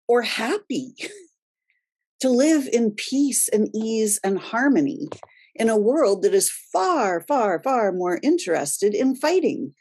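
Slow, slightly husky woman host. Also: a little high, a little mellow. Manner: deliberate, with pauses for emphasis. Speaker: host of a wellness radio show. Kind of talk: spiritual self-help talk to listeners.

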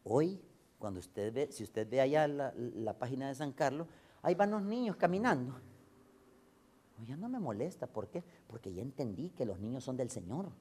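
A male pastor preaching a storytelling sermon, swinging from loud exclamations to low asides. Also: lively intonation, normal speed, slightly rough.

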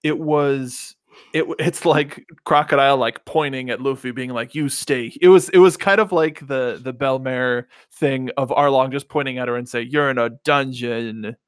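A man in casual podcast chat, halting and stumbling over his words. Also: medium pitch, steady tone, clear, resonant tone, no room sound, studio quality.

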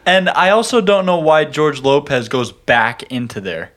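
A man's voice: a little high, sing-song, a little slow, a bit bright. A man co-hosting a casual movie review podcast, laughing often and making wry complaints about the plot. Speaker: podcast co-host.

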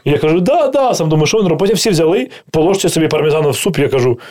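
Fast, animated, swearing man telling stories. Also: a little high. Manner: animated storyteller who swears freely and acts out quoted dialogue. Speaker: guest chef and TV cooking host. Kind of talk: casual podcast chat.

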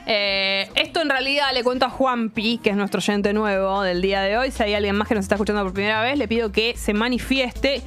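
A woman with a Buenos Aires accent co-hosting a podcast, chatting casually and reading news headlines with quick asides and fillers. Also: medium pitch, fairly even intonation, a bit bright, faint music behind. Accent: Buenos Aires porteño Spanish. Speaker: podcast co-host.

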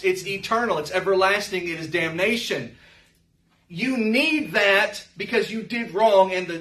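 High-voiced man teaching in an echoey hall. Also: sharp tone. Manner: emphatic, questions the listeners directly. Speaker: Bible teacher. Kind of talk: Bible study teaching. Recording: roomy hall, mic set far off.

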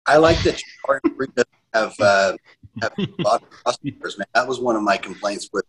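A man's voice: on the low side, animated, brisk, fairly bright tone, low-quality recording. A man talking loosely and conversationally in a casual hobbyist chat, with casual swearing. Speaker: home gym roundtable panelist.

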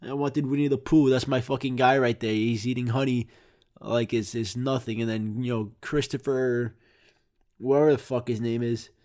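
A podcast host with a medium-pitched, steady, darkish voice speaks at a normal pace in a casual comedic monologue. He tells childhood stories in a rambling, profane way, often interrupting himself.

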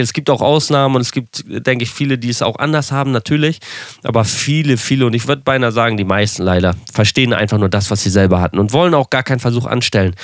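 A man's voice: mid-range voice, no echo, studio quality. Rambling young man, candid podcast talk. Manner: rambling, self-correcting, candid with wry asides. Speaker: podcast host. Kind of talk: personal storytelling podcast.

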